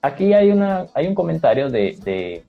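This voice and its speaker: A man's voice: fairly high pitch, sing-song, moderate pace, gravelly. A man who teaches Spanish and hosts a live stream, talking in a frank, practical, reassuring way. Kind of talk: relaxed conversational advice. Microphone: phone or webcam on a live stream. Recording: dull lo-fi live stream audio with faint music.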